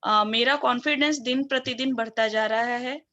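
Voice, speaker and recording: A woman heard over an online video call line, a student in a coaching session reading out her own affirmations, hesitant at first and then steady. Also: a little high, normal speed, lo-fi sound. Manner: hesitant, with many fillers before steady recitation.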